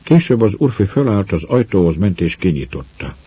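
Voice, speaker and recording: Deep husky male storyteller. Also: very animated, warm tone, dry recording, lo-fi sound. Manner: measured storyteller, voices the characters. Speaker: narrator. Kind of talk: audiobook reading of a novel.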